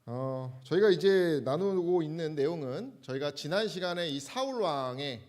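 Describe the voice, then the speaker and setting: A male pastor giving a Bible lecture sermon to his congregation in a measured, explanatory way while referring to slides. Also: fairly high pitch, expressive, darkish tone. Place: church.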